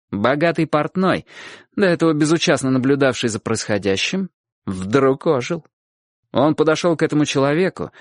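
A man narrating a storybook in a lively, expressive reading voice. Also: medium pitch, no room sound, studio quality.

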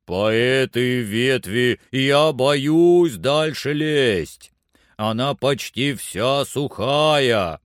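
A man voicing a cautious, grumbling old servant in an audiobook, slow and plaintive. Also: medium pitch, lively intonation, no echo, clean studio sound. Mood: wary, calling. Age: older. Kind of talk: audiobook character voice.

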